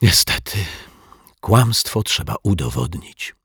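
A man's voice: low-pitched, very animated, slow, a bit bright, husky, dry recording, studio quality, exaggerated voice. A man voicing a proud, easily offended detective in a children's audiobook, with a huffy manner. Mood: indignant. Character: indignant proud male detective.

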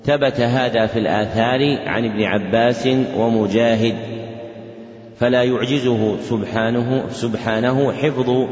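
A male Islamic scholar giving a dictated religious lesson in a large mosque, speaking in measured phrases and repeating each one twice, with scripture lines chanted slightly. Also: medium pitch, steady tone, darkish tone. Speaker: Islamic scholar teaching a class. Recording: echoey, dull lo-fi hall recording.

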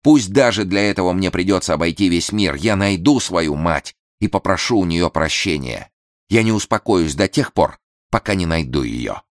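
A man's voice: deep voice, expressive, moderate pace, no room sound, studio quality, pitched above the performer's own voice. A man voicing a proud young boy with a harsh, scornful way of speaking in a storybook tale. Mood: remorseful.

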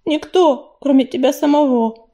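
A woman voicing a calm composed female cat who speaks in an unruffled, purring way in an audiobook. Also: high voice, unhurried.

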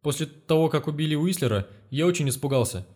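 A frightened elderly law professor, voiced by a male audiobook reader, pleading and defensive. His voice rides a little higher than the narrator's own and sounds plaintive and cornered. An audiobook character reading. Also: expressive, quick pace, a little mellow.

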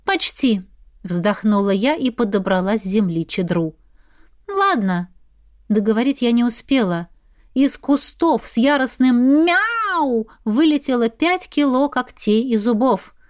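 A woman's voice: on the high side, moderate pace, a little mellow, no room sound, studio quality. A woman reading a first-person audiobook with a wry, ironic manner. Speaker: audiobook narrator.

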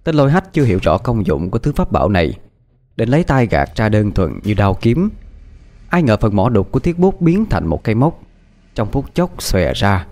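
A man narrating a martial fantasy audiobook in a dramatic, expressive reading style. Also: fairly low pitch, moderate pace. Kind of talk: scripted story narration. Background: faint background music.

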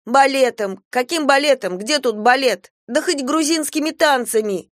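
A woman reading a story aloud, voicing a stubborn young girl who shouts back indignantly. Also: on the high side, animated, moderate pace, dry recording, clean studio sound, voice pushed up, natural voice. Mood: defiant.

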